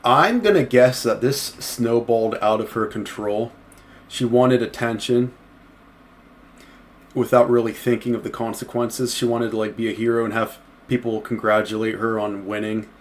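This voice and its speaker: A man's voice: mid-range voice, fairly even intonation, normal speed. Blunt exasperated young man reacting. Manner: blunt, exasperated, swears, speeds up when worked up. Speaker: reaction video host. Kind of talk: casual reaction commentary.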